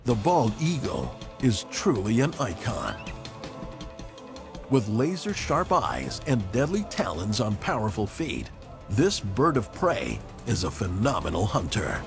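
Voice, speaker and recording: A man reading scripted nature documentary narration with measured, dramatic phrasing. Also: lowish voice, wildly swooping pitch, gravelly. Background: background music.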